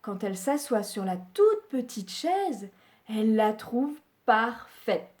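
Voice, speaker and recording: A woman librarian reading a children's story aloud at home, expressive storytelling. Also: fairly high pitch, takes it slowly.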